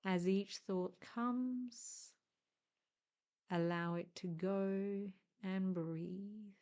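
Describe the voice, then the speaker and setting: A woman leads a guided meditation in a gentle, hushed, soothing manner. She uses a mid-range voice and speaks in short, deliberate phrases separated by long pauses.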